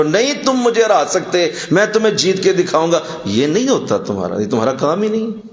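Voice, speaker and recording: A man giving a sermon, telling stories and driving his points home with sudden emphatic rises in voice. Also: roomy sound. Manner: animated, rising to emphatic high bursts. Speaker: religious speaker.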